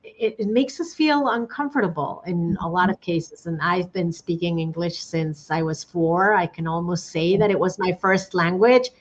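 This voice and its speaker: A woman's voice: on the low side, normal speed, hardly any pauses. A woman hosting an interview, introducing the topic in a hesitant way with frequent restarts. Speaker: host. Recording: dull lo-fi audio.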